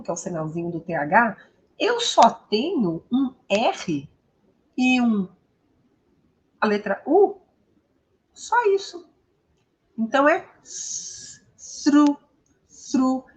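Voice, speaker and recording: A Brazilian woman teaching English pronunciation, patiently repeating each model word slowly and clearly. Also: on the high side. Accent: Brazilian Portuguese. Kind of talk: pronunciation lesson.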